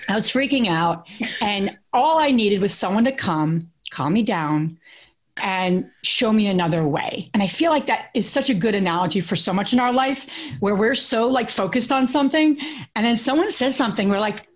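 Woman in her thirties, podcast co-host, chatty, animated, fillers and restarts. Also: medium pitch, moderate pace. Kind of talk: casual podcast chat.

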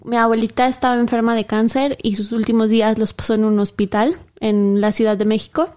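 Woman cohost chatting, kinda high voice, quick little reactions. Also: steady tone, darkish tone, clear, resonant tone. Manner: reacts with short interjections. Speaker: podcast co-host. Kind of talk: casual chat.

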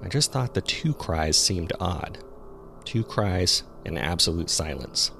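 In this scripted first-person horror piece, a man acts out a local jogger's terrifying woodland discovery with an exaggerated, lively delivery. His voice is very low with heavy creak yet fairly bright in tone, and the pace stays measured and uneasy. Ambient effects and faint music sit behind him.

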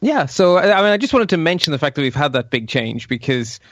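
A man's voice: on the high side, sing-song, fast talker, dry recording, lo-fi sound. A man with an Irish accent co-hosting a casual panel chat, talking hesitantly and repeating words. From Ireland. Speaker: podcast co-host.

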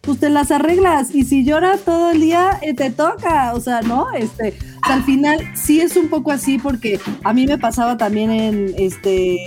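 A woman with a Mexican accent talks in a loose, chatty way, with her voice sitting a little high. She strings her thoughts together with frequent fillers. Faint music plays underneath. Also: normal speed, few pauses. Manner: chatty, full of "o sea" and "este" fillers. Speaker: podcast co-host, mother. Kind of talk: casual chat.

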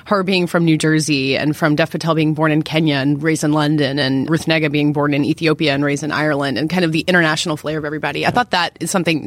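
A woman co-hosting a casual podcast chat about awards, talking eagerly and laughing easily. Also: sits low. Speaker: podcast co-host.

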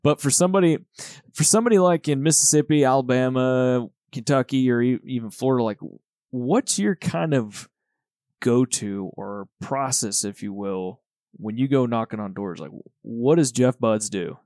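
A man hosting a podcast, asking questions in a relaxed, conversational way. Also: medium pitch, moderate pace, no echo, studio quality. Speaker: podcast host. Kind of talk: casual interview. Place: Texas.

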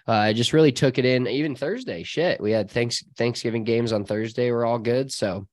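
A man's voice: mid-range voice, moderate pace, no room sound, studio quality. An American man co-hosting a casual chat, talking in a rambling, slangy way. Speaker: podcast co-host.

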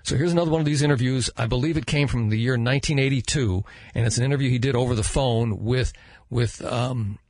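An older American man hosting a podcast, telling stories in a casual, rambling, halting way at a close microphone. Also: medium pitch, darkish tone, no echo. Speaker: podcast host. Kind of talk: casual chat. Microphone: close studio microphone.

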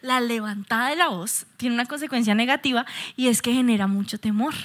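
Bright, expressive woman preaching a sermon. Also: a little high, fairly quick. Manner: candid, expressive, tells personal stories. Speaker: pastor. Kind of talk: sermon with candid personal examples.

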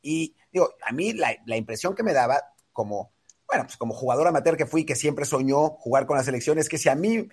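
Husky Mexican man talking football. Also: fairly high pitch, expressive, fairly quick. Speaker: sports panelist. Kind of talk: casual sports chat.

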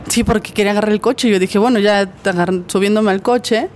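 A woman's voice: mid-range voice, steady tone, brisk, darkish tone, slight background noise. A woman with a Mexican Spanish accent, an interview guest giving an earnest personal testimony and vividly acting out what others said.

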